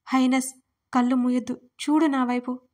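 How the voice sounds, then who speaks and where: A woman's voice: high-pitched, level tone, normal speed, a little mellow, lightly acted. A woman voicing a protective, stern young man, read plainly in her own voice. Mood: pleading.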